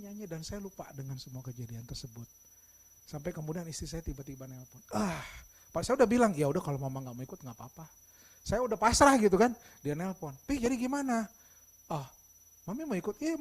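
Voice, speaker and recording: A middle-aged man preaching a sermon, telling stories and acting out dialogue, swinging between soft and loud emphasis. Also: sits high, lively intonation, fast. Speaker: pastor.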